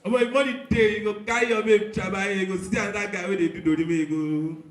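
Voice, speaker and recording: A man's voice: high-pitched, steady tone, fast talker. A Nigerian man doing stand-up comedy as host, teasing and calling out to his live audience in Pidgin-flecked speech. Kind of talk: crowd-work stand-up comedy, mixing English and Pidgin. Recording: echoey venue, distant stage sound.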